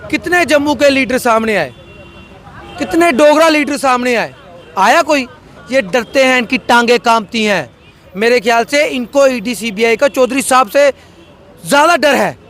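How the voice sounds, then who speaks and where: A man's voice: very high-pitched, moderate pace, fairly bright tone, some chatter behind. A man, a social activist, speaking with fiery, rhetorical passion in a political interview, repeating phrases for emphasis. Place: outdoors by a road.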